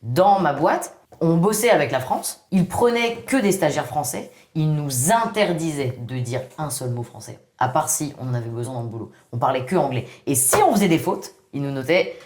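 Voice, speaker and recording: Woman with a low voice, echoey room. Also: moderate pace. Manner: lively storytelling with many hesitations and restarts. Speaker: podcast guest. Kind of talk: casual podcast chat.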